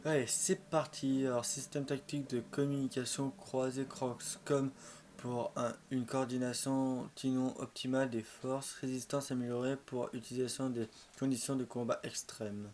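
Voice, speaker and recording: A man hosts a gaming video in a casual, rambling way. He often doubles back to repeat or correct what he said. His mid-pitched voice comes with clear background noise. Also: flat delivery, moderate pace, a little mellow. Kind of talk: casual let's-play commentary. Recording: clearly noisy home recording.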